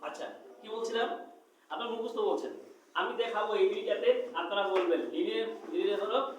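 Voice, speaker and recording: A woman's voice: medium pitch, brisk. A woman teaching a class to read the Quran, drilling her students with call-and-response questions and getting them to finish each phrase. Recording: very echoey room, mic far off, noisy.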